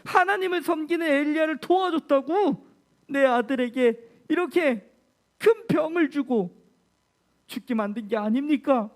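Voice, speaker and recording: A distraught widow mother, her voice pitched high and loud as she sobs out her blame, played by a woman telling a children's Bible story. She pleads and accuses through tears, in a storytelling style for a children's church class. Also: animated, measured pace. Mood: tearful accusing. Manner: crying, pleading and blaming.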